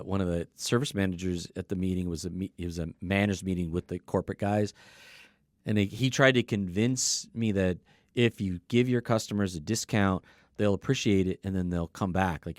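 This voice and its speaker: A car dealership service coach talks in a casual podcast conversation, explaining his points and sharing anecdotes conversationally. His voice is low-pitched, and the recording is studio quality with no echo.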